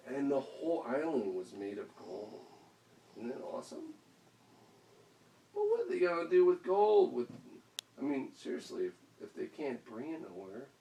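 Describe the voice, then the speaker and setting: A man's voice: medium pitch, vocal fry, mellow. A father improvising a playful, rambling bedtime story at home, often laughing as he goes. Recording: roomy echo, mic far off, faint hiss.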